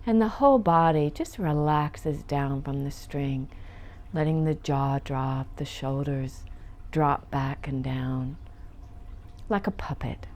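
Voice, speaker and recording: A woman teacher leads a guided meditation, speaking gently and soothingly as she lingers on her phrases. Her voice sits low, and her pace is slow.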